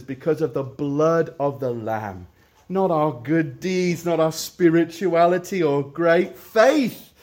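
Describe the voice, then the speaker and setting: Impassioned preacher man, fairly high voice. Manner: impassioned, swings between loud exclamation and quiet storytelling. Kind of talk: sermon.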